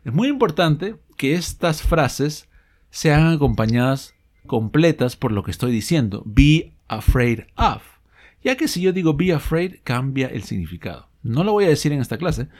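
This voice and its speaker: A man teaches an audio lesson with a lively voice whose pitch swings up and down. He explains each phrase patiently, reads the example sentences slowly, and stops often to check in with his listeners and fix his own slips. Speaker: English teacher.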